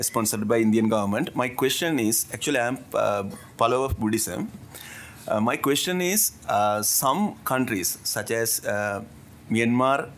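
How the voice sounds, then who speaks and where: A young man from Sri Lanka, a student in the audience, asks a question politely and hesitantly with many fillers. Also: mid-range voice. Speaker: audience member asking a question. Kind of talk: question from the floor.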